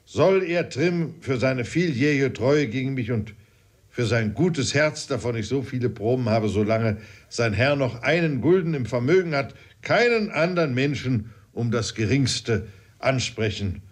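A man's voice: medium pitch, expressive, unhurried. A man reading a kindly old retired officer. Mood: earnest. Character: kindly retired male army officer, gentle and generous.

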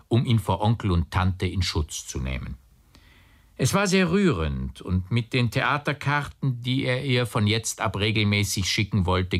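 A man narrating a literary audiobook in a measured, storytelling manner. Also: on the low side.

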